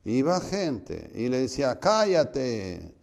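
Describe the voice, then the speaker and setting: A man, a priest, giving a spiritual retreat conference, telling stories and acting out voices with sudden shouts. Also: on the low side, lively intonation, a little slow, gravelly. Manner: storytelling, acts out voices with loud shouts.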